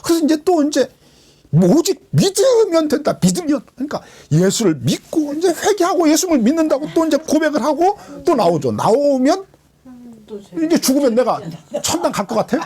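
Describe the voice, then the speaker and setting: A woman's voice: big pitch swings, a little fast, mellow. A woman pastor preaching a sermon in a church, telling a personal testimony with emotion and acting out the lines she quotes. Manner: emotional storytelling, swinging pitch, acting out quotes.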